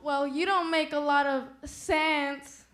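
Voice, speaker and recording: A proud little sensor gadget that loves to list its tricks, played by a young woman in a student skit. The voice sits high and eager. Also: fairly even intonation, slow pace, fairly bright tone. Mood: competitive. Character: proud chirpy female sensor hat gadget.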